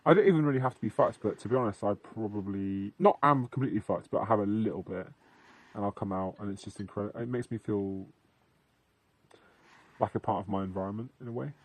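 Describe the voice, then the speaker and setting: A man's voice: fairly low pitch, fast talker. A young British man rambling casually as a podcast host, with dry humour and plenty of swearing and slang. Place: outdoors in a field at night.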